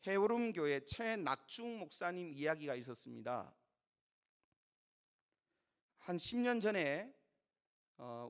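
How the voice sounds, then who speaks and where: Male preacher, high and lively voice, emphatic, mid-sermon. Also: clean tone. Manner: emphatic, with sudden swings between loud and soft. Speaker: pastor. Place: church.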